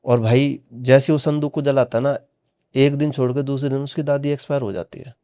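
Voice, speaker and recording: A man's voice: mid-range voice, fairly even intonation, a little fast, warm tone. A man casually recounting a horror story on a podcast, acting out the dialogue with frequent "he said" tags. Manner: retells dialogue with many "he said" tags.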